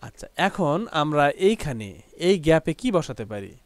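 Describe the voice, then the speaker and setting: A man teaching an English textbook lesson, slowly translating each phrase and explaining it. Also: fairly high pitch, sing-song, no echo.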